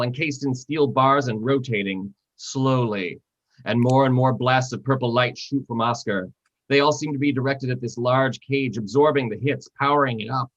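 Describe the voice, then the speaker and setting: A man reads screenplay stage directions at a live reading in a steady, descriptive voice. His pitch sits mid-range, and the sound is dull and lo-fi. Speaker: narrator.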